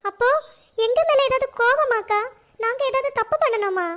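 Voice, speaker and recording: A woman's voice: very high voice, normal speed, fairly bright tone. A woman voicing a caring, outspoken young schoolgirl in a cartoon, chatty and concerned.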